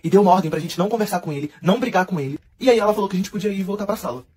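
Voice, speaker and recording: High-voiced teen boy rattling off a story. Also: husky. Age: teenager. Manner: animated, dramatic, rapid narration. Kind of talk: fast comic school storytelling.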